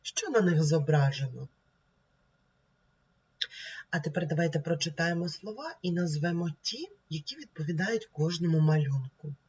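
A woman teacher giving a slow, clear reading lesson to young children, sounding words out one by one. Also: sits low, expressive, a little mellow, muffled recording. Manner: sounds words out slowly and deliberately. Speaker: primary school teacher.

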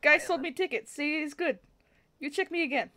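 A woman's voice: high voice, normal speed, background noise, pitched above the performer's own voice, natural voice. A woman voicing a cheerful, pushy male traveler who speaks in broken English, in a game playthrough. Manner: broken English, upbeat and chummy.

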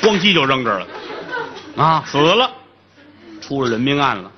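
A man's voice: mid-range voice, very animated, moderate pace, highs cut off, a loud crowd, very noisy. A man telling a classic tale as a traditional comic storyteller, colloquial and full of comic asides.

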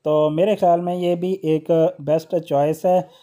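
A man hosting a how-to video, explaining a workshop machine step by step with occasional hesitant "uh" pauses. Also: a little high, little pitch movement, dark tone. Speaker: electrician channel host.

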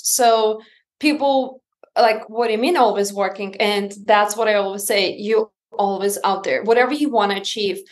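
A woman in her thirties from Lithuania, a company founder talking on a video call in an earnest, energetic way with non-native English grammar. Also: a little high. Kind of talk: casual interview talk. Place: indoor room at home.

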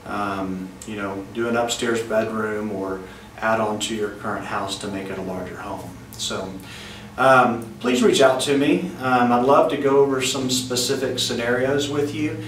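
A man in his thirties gives a loose, conversational product pitch full of filler words. His voice sits at an ordinary middle pitch. He sounds a little distant from the mic, in a roomy office with a faint hiss behind him. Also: measured pace. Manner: relaxed, conversational, with frequent "um" fillers. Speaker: bank loan officer. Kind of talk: casual to-camera product pitch. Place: indoor office in front of a wall poster.

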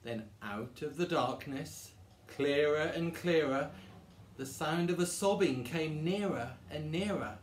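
Brief: man reading a children's picture book, unhurried and gentle, echo in the room. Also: a little high, a little hiss or hum. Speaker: storyteller. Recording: echoey room.

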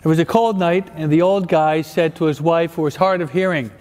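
Slightly fast and a little mellow, this man's voice sits on the high side. As a priest giving a parish talk in a large church, he alternates jokes and teaching and keeps checking on his listeners with questions, all captured in an echoey space with long reverb.

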